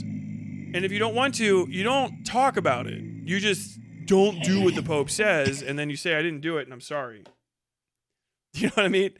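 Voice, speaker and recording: A man with a high, fairly bright voice gives casual, off-the-cuff live commentary on the news. His delivery is blunt, sardonic, rambling and argumentative, with some swearing.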